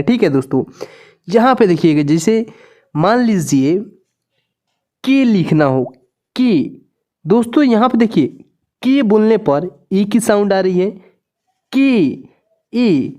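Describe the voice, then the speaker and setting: Woman teaching slowly, mellow voice, keeps asking then answering herself. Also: mid-range voice. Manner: patient, repeats each point with "friends" and questions. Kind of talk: slow step-by-step lesson.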